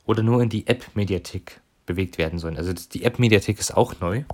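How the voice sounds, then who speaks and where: A man's voice: lowish voice, fast talker, a little hiss or hum. Man casually explaining phone settings. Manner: relaxed, conversational explaining with fillers. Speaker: tutorial presenter.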